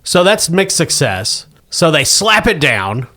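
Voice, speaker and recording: A man serves as game master for a tabletop game, and his voice sits a little high. His tone is bright and forward. He narrates briskly and keeps things playful, chuckling as he makes rulings. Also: big pitch swings.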